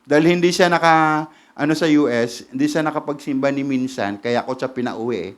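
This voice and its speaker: Animated Filipino man preaching a sermon. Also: medium pitch, a little fast. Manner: animated, switches between Tagalog and English, asks the congregation questions. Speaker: pastor.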